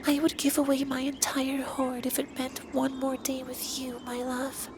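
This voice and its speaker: This intimate ASMR roleplay features a man as a centuries-old, androgynous male dragon, a stern but caring lover delivering a scripted monologue to the listener. His very high-pitched voice is completely flat, hushed and tender, with formal, earnest, deliberate phrasing. The recording carries clear background noise with ambience.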